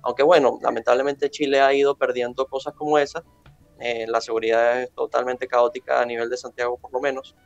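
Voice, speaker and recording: A man, answering interview questions in a measured, formal way with many fillers. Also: medium pitch, level tone, highs cut off, soft background music. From Venezuela. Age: 20s. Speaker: interview guest.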